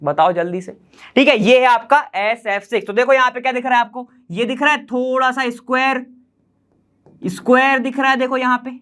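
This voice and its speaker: A man's voice: very high voice, steady tone, a bit bright. Chatty male teacher checking in often. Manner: keeps checking in with students, repeats key terms slowly; casual and chatty, explains while drawing on a board. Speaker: chemistry teacher. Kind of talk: online classroom lecture.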